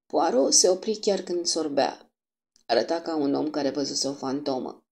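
Woman audiobook narrator, low, mellow and husky, steady measured delivery.

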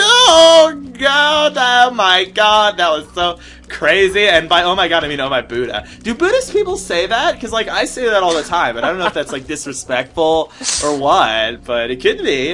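A bright, ringing voice of an airheaded Buddhist monk drawling in a California Valley Girl accent, as a man puts it on. Every thought runs through "like" and "totally," sunny and clueless. A man playing the monk for an improvised comedy bit. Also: a little high. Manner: ditzy, peppered with "like" and "totally".

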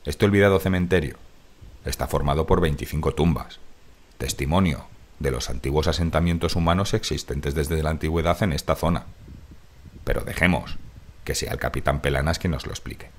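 A man giving calm, measured, scripted narration of a mountain hike, as in a nature documentary. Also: extremely low pitch. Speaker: hiking vlogger narrating. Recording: voice-over with music behind.

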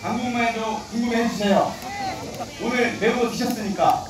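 A man's voice: extremely high pitch, moderate pace. A man in his late thirties acting as emcee at a live outdoor show, teasing and joking with the audience about himself. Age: 30s. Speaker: emcee of a traditional performance. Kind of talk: live crowd banter. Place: outdoor performance ground. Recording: echoey, distant mic, loud crowd. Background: audience crowd.

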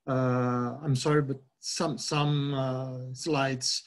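A middle-aged guest lecturer from Brazil, speaking with a Brazilian Portuguese accent, gives an academic webinar talk over a video call. His medium-pitched, flat delivery is halting, with many fillers and restarts.

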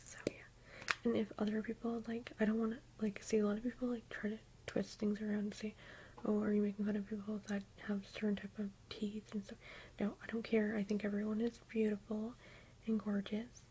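A woman's voice: medium pitch, level tone, fairly quick, dark tone, slight background noise, low-quality recording. A young woman whispering in an ASMR makeup roleplay, gushing compliments and rambling with "like" and "um". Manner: rambling with fillers like "like" and "um". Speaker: ASMR YouTuber.

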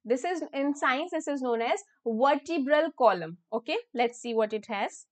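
A woman's voice: sits high, expressive. A woman science teacher with an Indian English accent gives an online lesson. She mixes English and Hindi and keeps checking with "okay?". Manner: filler-heavy, repeats terms slowly for students.

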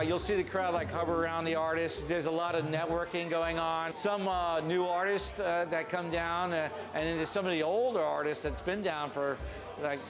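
A middle-aged man, a festival organizer, talking in a casual interview in a bar, halting with fillers. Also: a little high, low-quality recording. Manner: laid-back, halting with fillers. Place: indoors in a bar.

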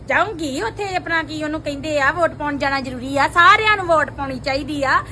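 High, fast grumbling woman with a Punjabi accent. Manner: grumbling, rhetorical questions. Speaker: comedy sketch performer. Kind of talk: comic monologue as a scolding mother. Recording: noisy with loud crowd behind.

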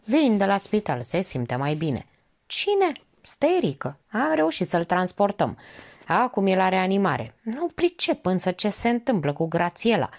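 A woman voicing a tired, level-headed male doctor who speaks in calm questions, in an audiobook. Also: mid-range voice. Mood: weary.

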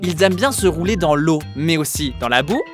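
Playful woman host for kids, low-ish voice with a wide swing, music behind. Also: lively intonation, a little fast. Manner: playful, exclamatory, jokey asides to animals. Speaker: children's educational host. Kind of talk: lively presenting to children. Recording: music playing under the voice.

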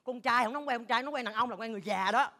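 A man doing a shrill old gossip woman. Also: very noisy. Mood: scandalized. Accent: Southern Vietnamese. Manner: sharp-tongued, rapid, exaggerated gossip. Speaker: comedian in a stage sketch. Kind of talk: stage comedy sketch acting.

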